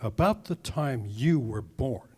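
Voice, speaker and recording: A man's voice: mid-range voice, lively intonation, slow pace, dark tone, slightly rough. A male interviewer asking questions with dry, teasing humor. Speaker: interviewer host.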